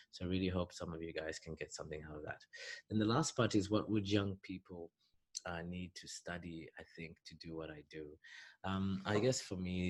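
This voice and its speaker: Deep, flat-voiced man from Zambia. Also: dry recording. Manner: earnest, advice-giving, thinks aloud with fillers. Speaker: business coach. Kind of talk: recorded advice talk for a youth summit.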